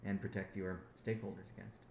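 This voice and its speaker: A company founder delivers a rambling business update on a conference call at a quick pace, with many self-corrections and restarts. His deep voice is warm and creaky, with little pitch movement. The audio has a roomy sound and a little hiss or hum.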